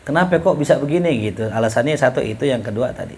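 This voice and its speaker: A man teaching a class in a relaxed, joking way, reading Arabic lines and explaining them with questions to students. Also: medium pitch, fast, a little hiss or hum. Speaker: ustadz teaching Arabic rhetoric. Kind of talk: casual classroom lecture.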